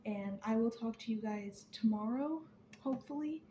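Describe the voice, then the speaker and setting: A young woman talking candidly to camera, rambling and trailing off softly, a little out of breath. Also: on the high side, moderate pace, reverberant, slight background noise. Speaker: vlogger. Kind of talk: casual chat to camera.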